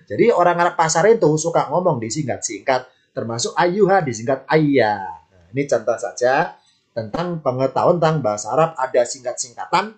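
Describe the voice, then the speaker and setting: Guru pria yang menjelaskan dengan sabar. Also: male voice, mid-range voice, husky. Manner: explains patiently, repeats words and asks himself questions. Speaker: Arabic grammar teacher. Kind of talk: online Quran grammar lesson.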